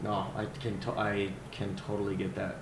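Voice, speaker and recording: A man hosting a casual podcast interview, restarting his sentences often and quick to agree. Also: fairly low pitch, completely flat delivery. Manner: stammering restarts, quick affirmations. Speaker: podcast host. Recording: roomy, with clear noise.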